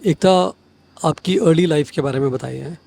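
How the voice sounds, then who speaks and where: A man hosting a podcast interview, asking measured questions in Hindi mixed with English. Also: fairly high pitch, gravelly, darkish tone, a little hiss or hum. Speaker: podcast host.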